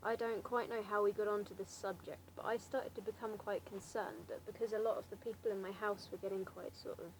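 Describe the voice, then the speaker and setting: A clearly noisy amateur recording of a young woman of about seventeen with a southern English accent. Her pitch is average for a woman. She rambles casually and hesitantly, with a wry, self-deprecating manner. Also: steady tone, fairly quick, hardly any pauses. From Slough, England. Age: late teens, seventeen. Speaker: amateur vlogger answering a challenge. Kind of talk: casual rambling chat to camera.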